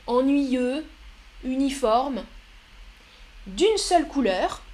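A woman's voice: high-pitched, a little mellow. A woman teaching French on a live stream, explaining patiently and greeting viewers in the chat. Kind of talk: live-streamed language lesson.

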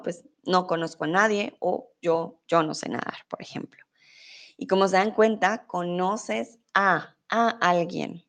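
A woman teaching a live online Spanish class, patiently reading out student comments and explaining grammar, her voice a little off today. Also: on the low side. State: voice a bit off today.

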